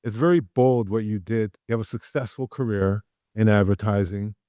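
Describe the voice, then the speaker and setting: A man's voice: fairly low pitch, normal speed, dark tone, clear, resonant tone, no echo, studio quality. A man hosting an interview podcast, asking loose, upbeat questions with fillers, recorded in an art gallery. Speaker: podcast host. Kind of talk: casual interview.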